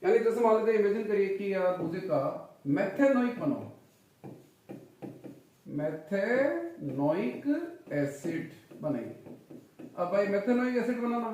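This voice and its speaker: A man with a high-pitched, slightly mellow voice gives a chemistry lecture, quizzing students with repeated questions and calling them "children" and "son." He's recorded from a distance, off-mic in a very echoey room.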